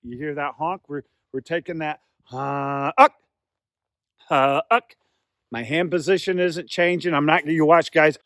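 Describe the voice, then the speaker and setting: A man's voice: on the high side, steady tone, normal speed, few pauses, dry recording, clean studio sound. A man giving a hands-on beginner tutorial as a calling instructor, explaining patiently and repeating himself as he demonstrates.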